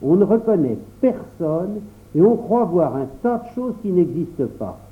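A bossy older boy, wary and stern, as a man reading a storybook puts him on. The pitch sits well above the reader's own. The audio is narrow and phone-like. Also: big pitch swings, a little slow. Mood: scornful. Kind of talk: storybook narration.

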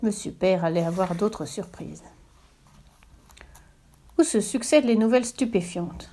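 Woman reading a storybook in a mellow voice. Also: medium pitch, unhurried. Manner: steady, expressive reading. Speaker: narrator.

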